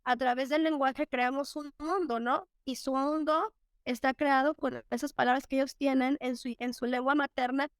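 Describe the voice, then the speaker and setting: High-voiced Mexican woman teacher. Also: fairly even intonation, moderate pace, no room sound, studio quality. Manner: storytelling with many fillers and restarts. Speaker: teacher, guest. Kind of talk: reflective conversational interview.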